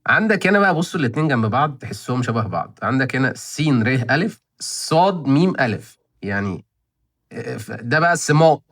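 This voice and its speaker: A man in his twenties with an Egyptian Arabic accent hosts his own channel reviewing license plate auctions, chatting casually with viewers. He talks fast in a slightly bright, mid-range voice with big pitch swings, rambling, thinking aloud and often repeating himself.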